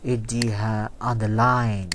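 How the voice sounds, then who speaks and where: With a crowd audible in the background, a fairly low-pitched man speaking in a level tone gives an English grammar lesson in an Egyptian Arabic accent. He reads each English sentence slowly, then gives a quick explanation in Arabic.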